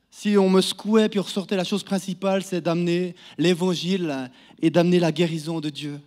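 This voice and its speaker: A man's voice: sits high, darkish tone. A man in his thirties with a Neuchâtel Swiss French accent, a down-to-earth guest preacher addressing a church congregation and asking them questions. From Neuchâtel, Switzerland. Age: 30s. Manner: friendly, down-to-earth, speaks to the crowd with questions. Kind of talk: sermon introduction to a congregation. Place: church hall.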